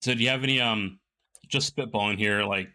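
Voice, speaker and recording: A man hosting a casual interview, speaking informally and haltingly as he thinks aloud. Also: on the low side, bright, forceful tone. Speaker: interviewer, host.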